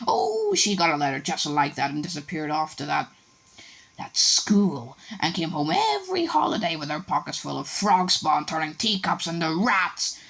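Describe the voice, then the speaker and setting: A man's voice: wildly swooping pitch, moderate pace, creaky, a bit bright, heavily acted. A man voicing a bitter, spiteful middle-aged aunt who rants shrilly. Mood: ranting. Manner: ranting, resentful, shrill.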